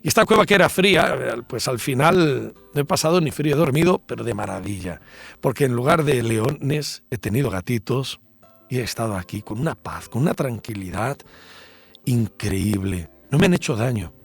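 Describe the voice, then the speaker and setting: A man voicing Daniel, a faithful and serene older prophet who speaks with calm assurance. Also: mid-range voice, normal speed, vocal fry, husky, soft background music.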